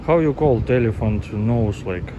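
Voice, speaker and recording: A man from Russia with a Russian accent, chatting casually in halting, rambling English as a travel vlogger live-streaming. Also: mid-range voice, highs cut off. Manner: halting, rambling English with repeated filler words. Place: walking around city streets and shops at night. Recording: noisy city street, traffic and hum.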